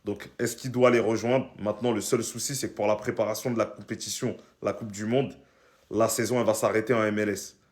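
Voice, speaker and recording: A man's voice: lowish voice, fairly even intonation, brisk. A man giving a casual football reaction, talking straight to his viewers and asking them questions. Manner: chatty, asks the viewers questions.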